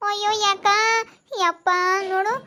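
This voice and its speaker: A village neighbor woman, played by a woman keeps protesting and pleading in a very high voice. She speaks with a rural central Karnataka accent. The setting is a village comedy skit. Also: little pitch movement, measured pace, sharp tone, exaggerated voice. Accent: rural central Karnataka Kannada.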